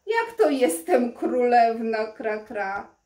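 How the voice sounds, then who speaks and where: A woman's voice: a little high, sing-song, takes it slowly, a little mellow. A woman voicing a flock of crows that jeer and caw. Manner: jeering, cawing. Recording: roomy echo.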